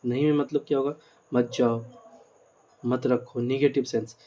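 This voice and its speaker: A man's voice: medium pitch, steady tone, dark tone, dull audio. A male teacher giving a grammar lecture, explaining step by step, asking rhetorical questions and mixing in English words.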